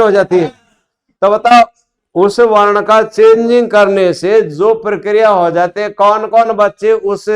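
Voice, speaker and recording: High voiced guy teaching class, slow, keeps asking the kids questions. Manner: questioning students, repetitive prompts. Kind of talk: classroom grammar lesson.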